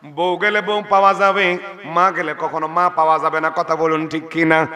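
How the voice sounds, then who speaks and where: Preacher, exhorting sermon, very bright and sharp voice, long hall reverb. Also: male voice, on the high side, little pitch movement, moderate pace. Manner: exhorting the crowd to respond loudly. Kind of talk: Islamic sermon. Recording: long reverb of a large venue.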